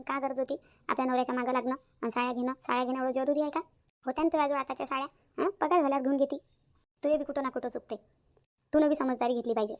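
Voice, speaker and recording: A woman voicing a wise elder aunt in a family cartoon, admonishing the family. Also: high-pitched. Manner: lecturing, admonishing.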